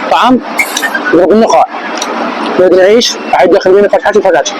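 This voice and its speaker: Very fast, high-voiced Iraqi Arabic man. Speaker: food vlogger and host. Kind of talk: casual street food vlog with catchphrases. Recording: noisy outdoor street with traffic.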